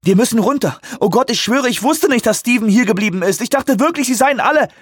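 Guy doing a high panicky woman, husky, yelling and pleading, dry close audiobook sound. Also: animated, fast talker, no room sound. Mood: panicked. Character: frightened woman in a shaking helicopter.

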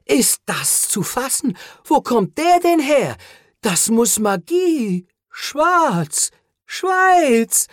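A narrator voicing a confused young man who speaks in halting, strained bursts, in an audiobook reading. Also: high-pitched, big pitch swings, dry recording, clean studio sound, voice pushed up, heavily acted. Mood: bewildered.

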